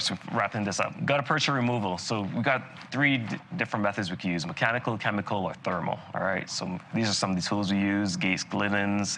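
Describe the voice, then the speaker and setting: A Barbadian dental lecturer with a very low, bright, forceful and creaky voice gives a live continuing-education lecture to dentists. He's relaxed and conversational, full of fillers and asides, with faint noise under the recording.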